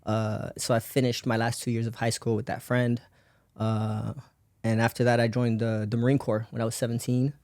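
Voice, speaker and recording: A man's voice: medium pitch, little pitch movement, moderate pace, a little mellow, no room sound, clean studio sound. A man raised in Belgium, a podcast guest telling his life story in casual rambling talk with many fillers and frequent laughs.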